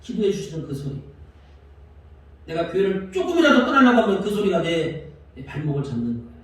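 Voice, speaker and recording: Male pastor, sermon, high voice, quizzes the congregation, very echoey church hall, from far off. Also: very animated, fairly quick. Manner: asks the congregation questions and answers them, acting out prayers. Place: church sanctuary.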